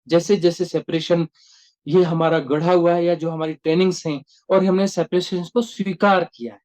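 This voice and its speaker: A man's voice: high voice, darkish tone. A man, giving a reflective spiritual discourse as a teacher and repeating phrases for emphasis.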